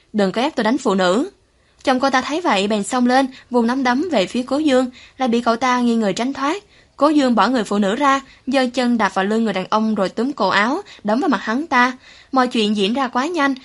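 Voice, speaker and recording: Higher-voiced woman narrating a story. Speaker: audiobook narrator.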